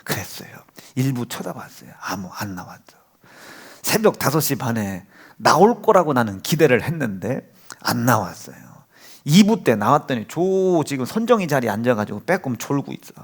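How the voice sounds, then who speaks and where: A man's voice: mid-range voice, big pitch swings, moderate pace, breathy edge. A middle-aged man preaching a sermon as pastor, telling a family story and acting out voices, sometimes dropping to a whisper. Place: church sanctuary.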